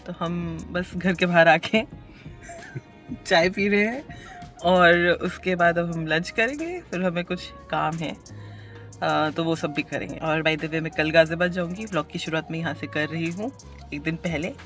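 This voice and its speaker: A woman from India vlogging in a casual, chatty way. She mixes English phrases into her Hindi and tries to keep her pace slow and calm. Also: on the low side, soft background music. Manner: tries to talk slowly and calmly. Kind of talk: casual vlog chat to camera.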